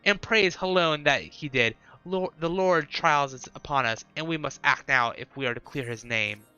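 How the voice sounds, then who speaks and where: A man's voice: a little high, moderate pace, sharp tone, clear, resonant tone, muffled recording, faint music behind. A man reading aloud the formal, solemn lines of a house official in a video game.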